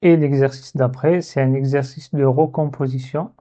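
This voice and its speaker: A man teaching a lesson step by step, patient, and repeating words slowly so they can be copied. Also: mid-range voice, fairly even intonation, dark tone, lo-fi sound. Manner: slow, patient, repeats words to model pronunciation.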